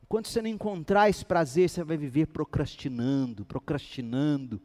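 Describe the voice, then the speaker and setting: A male pastor preaching a sermon with animated storytelling, acting out the dialogue in his stories. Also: fairly high pitch, fairly quick.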